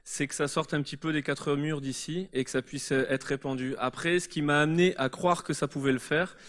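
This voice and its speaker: A man answers questions as a guest author during a church service. His voice is on the higher side for a man, and he explains his thoughts earnestly and reflectively in front of the congregation. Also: steady tone, fairly quick, a bit bright. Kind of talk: live church interview.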